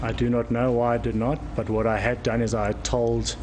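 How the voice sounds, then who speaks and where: A man's voice: mid-range voice, level tone, fairly quick, a little mellow, slight background noise. A man giving testimony as a witness in court, formal and polite toward the judge.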